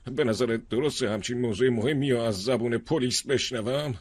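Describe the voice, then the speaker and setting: An actor dubbing a concerned older village chief who speaks earnestly and gently reproaches. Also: male voice, mid-range voice, breathy edge, no room sound, close to an everyday voice. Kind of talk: dubbed drama acting.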